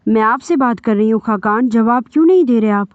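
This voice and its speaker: A woman voicing a hurt, defiant young bride who shouts in anguish, in a dull, dry recording. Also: a little high, animated, dry recording, lightly acted. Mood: shouting.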